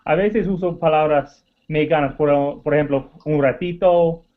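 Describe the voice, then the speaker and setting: A man's voice: on the high side, fairly even intonation, normal speed, narrow, tinny audio. A man practicing Spanish as a student, speaking carefully in non-native Spanish with small slips. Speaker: language student. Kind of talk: conversational practice.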